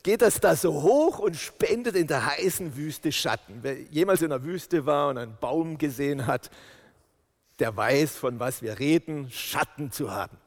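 A man preaching a sermon, telling the story with lively sound effects and acted-out lines. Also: fairly high pitch, normal speed. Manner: animated storytelling, acts out quotes. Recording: long reverb of a large hall.

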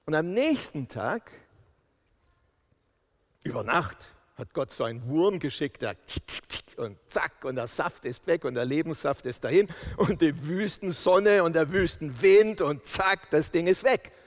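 A man preaching a sermon, telling the story with lively sound effects and acted-out lines. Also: on the high side, measured pace. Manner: animated storytelling, acts out quotes. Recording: long reverb of a large hall.

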